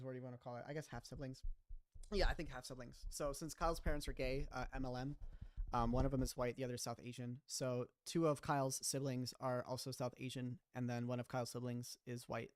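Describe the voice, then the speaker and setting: A man's voice: mid-range voice, smooth. A young man streaming live, chatting casually about his own series and rambling with lots of "like" and "kinda". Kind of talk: casual livestream chat.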